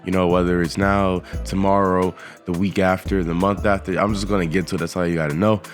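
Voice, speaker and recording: A man's voice: low-pitched, little pitch movement, brisk, soft background music. Groggy, laid-back young man. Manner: laid-back, slangy, repeats "you know". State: groggy morning voice. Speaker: gaming YouTuber. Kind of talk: casual game build walkthrough.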